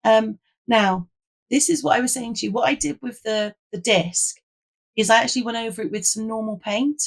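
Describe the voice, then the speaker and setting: Croaky, frog-voiced British woman with lost voice. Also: fairly high pitch, normal speed. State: lost voice, hoarse. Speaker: host of a craft video. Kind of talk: casual chatty craft vlog.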